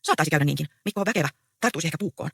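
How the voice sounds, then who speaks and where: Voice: mid-range voice, animated, gravelly, a bit bright, breathy edge, no echo, studio quality, exaggerated voice. A reader voicing an earnest, anxious young peasant woman in a stage play read aloud. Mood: pleading. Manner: pleading, earnest.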